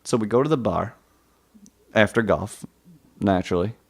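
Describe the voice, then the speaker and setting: A man's voice: on the low side, normal speed, creaky, breathy edge. A man hosting a podcast in casual, crude, laughing banter and storytelling. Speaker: podcast host.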